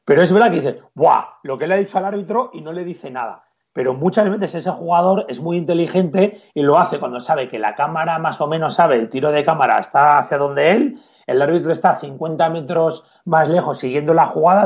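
Male Navarrese referee guest, somewhat high voice, animated storyteller, muffled lo-fi sound. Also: fairly quick. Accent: Navarrese Spanish. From Spain. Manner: acts out player exchanges in animated quoted voices. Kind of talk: casual interview chat.

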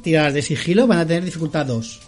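A man's voice: fairly high pitch, quick pace, soft background music. A man narrating as game master, explaining rules and often checking in with the players, laughing along.

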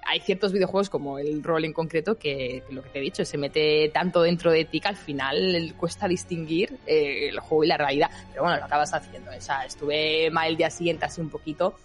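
A woman's voice: deep voice, steady tone, a little fast, hardly any pauses, soft background music. Chatty woman telling stories. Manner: chatty, storytelling with many fillers and restarts. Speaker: content creator and podcast guest. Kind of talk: casual podcast interview.

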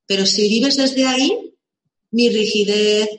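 A woman speaking slowly in a voice on the high side gives a motivational live talk about visibility, with slight background noise. She asks rhetorical questions and repeats words for emphasis, and the recording has a roomy echo.

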